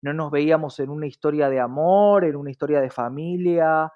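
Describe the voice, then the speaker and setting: Talking fairly quickly in a fairly high-pitched voice, this interview guest, a diversity specialist, has a Rioplatense Argentine Spanish accent. His answers are reflective and explanatory, leaning on earnest repetition and rhetorical questions, and the audio comes across slightly dull and lo-fi.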